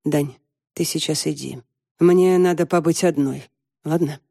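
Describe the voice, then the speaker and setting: Quiet, controlled wounded wife, read by a woman; mellow, dry tone. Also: deep voice, steady tone, measured pace, vocal fry, no echo, exaggerated voice. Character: calm, wounded middle-aged wife.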